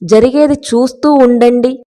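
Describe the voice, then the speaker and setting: A woman voicing a kind, calm royal mother of five sons in a read-aloud story. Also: on the high side, a little slow, close to an everyday voice. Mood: reassuring. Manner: soothing, reassuring.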